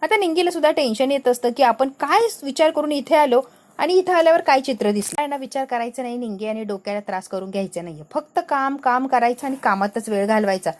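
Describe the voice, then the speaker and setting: A woman's voice: high-pitched, animated, fast, a little mellow. A woman retelling the plot of a TV serial in a chatty storytelling way, slipping into quoted dialogue. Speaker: TV serial recap narrator.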